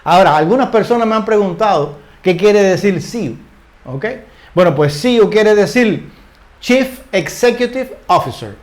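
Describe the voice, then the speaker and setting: Older man, high voice, informal grammar teacher; chatty, checks in with tag questions, repeats words mid-thought. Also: expressive, normal speed. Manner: ends phrases with tag questions, repeats words while searching. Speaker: English teacher. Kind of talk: casual spoken grammar lesson.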